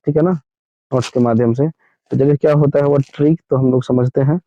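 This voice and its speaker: A man teaching a grammar lesson at a mid pitch. He keeps posing questions to the class and answering them himself, and he slows right down to read English definitions. The recording is dry and slightly muffled. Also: steady tone, warm tone, no room sound.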